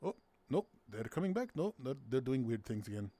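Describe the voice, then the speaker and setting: A man's voice: medium pitch, sing-song, brisk, dark tone, dry recording. A man hosting a casual game night on his stream, playful and giggly, tossing in silly sound words. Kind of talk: casual gameplay commentary.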